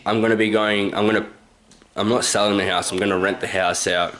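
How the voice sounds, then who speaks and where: Fairly quick and level, with a lowish, fairly bright voice, a man in his twenties speaks with an Australian accent. Talking to his handheld camcorder inside his own house, he rambles through a casual story-time monologue, chuckling and correcting himself often.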